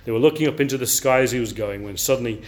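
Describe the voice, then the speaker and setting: Racing along at medium pitch, an older English preacher gives an animated sermon. Again and again he poses rhetorical questions to check in with the crowd.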